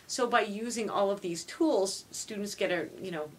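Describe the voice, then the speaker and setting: With a medium-pitched, slightly rough voice, she speaks at normal speed. The woman, a native French speaker from Montreal, answers interview questions as a foreign language teacher in an earnest manner, frequently saying "you know."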